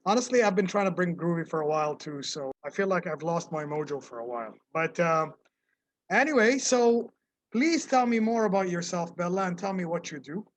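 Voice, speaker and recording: A man's voice: high-pitched, expressive, brisk, dry recording, rough recording. A man hosting a podcast interview in a friendly, casual way, with frequent fillers and repeated words. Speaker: podcast host.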